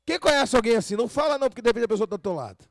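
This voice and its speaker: A man preaches in a high voice, the sound dry and close. He fires rhetorical questions at the congregation and slips into the voices of the people and prayers he quotes. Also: expressive, racing, dry recording. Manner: acts out quoted speakers and prayers. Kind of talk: sermon.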